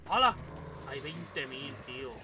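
Excitable swearing Spanish man over gunfire. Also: mid-range voice, slow, far from the mic, very noisy. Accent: Spain Spanish. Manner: excitable, swears a lot, talks to the game. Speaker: gaming YouTuber. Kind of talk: let's play commentary. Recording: game gunfire loud behind the voice. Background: loud game gunfire and ambience.

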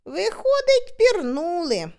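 Female reader putting on a high-voiced sly old village man, surprised and deadpan, in a storybook. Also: slow pace, heavily acted. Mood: matter-of-fact.

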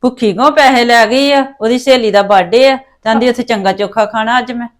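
High-voiced scolding mother, Punjabi accent. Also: brisk. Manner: scolding, nagging. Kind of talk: rural family drama acting.

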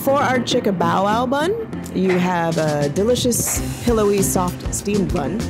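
A middle-aged woman from Cambodia, a restaurant co-owner chatting in an interview, quick with fillers and asides, on a lapel mic in a small kitchen. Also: medium pitch, animated. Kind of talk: casual interview. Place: small commercial kitchen, indoors. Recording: music bed underneath.

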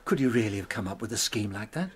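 A man with an English accent acting in a radio drama as a loyal, blustery, exasperated gentleman doctor. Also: on the low side, lively intonation, quick pace, slight background noise, close to an everyday voice. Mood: grudging, puzzled.

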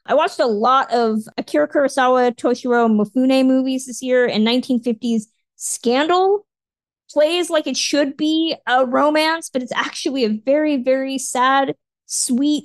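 A woman's voice: sits high, moderate pace, no echo. A woman co-hosting a podcast, chatting casually and giving upbeat recommendations. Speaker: podcast co-host. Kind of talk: casual chat.

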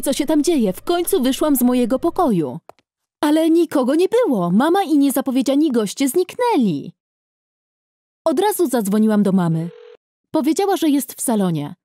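Young female narrator, expressive, warm low timbre, dry studio read. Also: no echo. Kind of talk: scripted first-person story narration.

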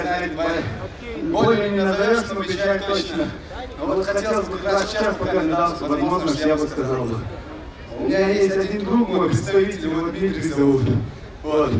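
A young man with a high voice speaks informally as a winning fighter, earnest and halting. He sounds distant through a strongly echoing outdoor PA, with a loud crowd. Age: young adult. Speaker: fighter giving winner's speech. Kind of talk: informal unscripted speech. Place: outdoor ring among crowd. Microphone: handheld microphone.

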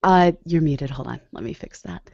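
A woman's voice: a bass voice, lively intonation, normal speed, vocal fry, warm tone, dry recording, lo-fi sound. Woman hosting a video call. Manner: friendly, with frequent "uh" fillers. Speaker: host. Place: home office. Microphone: desk microphone on a boom arm.

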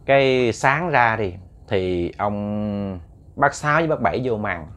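A man's voice: lowish voice, expressive, unhurried, fairly bright tone. A man telling a ghost story, chatting to listeners and often repeating words. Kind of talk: storytelling to an audience.

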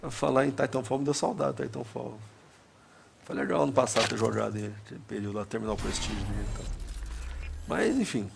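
A man's voice: mid-range voice, fast talker, creaky. A man with a Brazilian accent giving casual, rambling, slangy commentary over a video game. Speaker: gaming commentator. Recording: very noisy, clicking in background.

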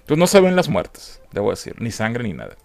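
A man's voice: mid-range voice, fairly quick, vocal fry, no room sound. A young Mexican man recapping and mocking a film in casual, crude slang. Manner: crude, mocking slang, lively put-on character voices. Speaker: film reviewer.

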